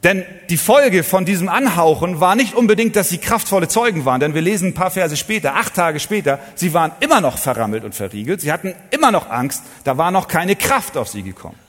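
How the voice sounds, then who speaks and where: A man preaching a sermon earnestly, asking rhetorical questions and slowing down to stress key phrases. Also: high-pitched, lively intonation, a bit bright. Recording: long hall reverb.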